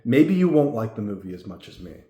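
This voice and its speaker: A man's voice: on the low side, very animated, fairly quick, dark tone. A man giving a casual movie review in tipsy, rambling drunk talk, emphatic, repeating himself and swearing. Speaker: amateur film reviewer. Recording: echoey room.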